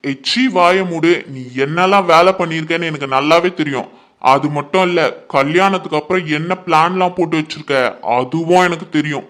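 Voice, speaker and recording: A man's voice: on the high side, steady tone, brisk, a bit bright, lightly acted. A man playing a blunt, defiant young son who confronts his relatives in a family drama. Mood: accusing. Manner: confrontational, scolding.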